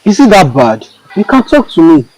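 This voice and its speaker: A man playing a caring young schoolmate who talks in a gentle, coaxing way. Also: high-pitched, very animated, normal speed, low-quality recording. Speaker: student.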